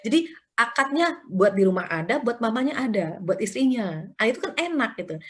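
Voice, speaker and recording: A woman's voice: a little high, very animated, moderate pace, fairly bright tone. A woman teaching an Islamic study session in a chatty storytelling way, often acting out short quotes and adding tag fillers. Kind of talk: conversational religious study talk.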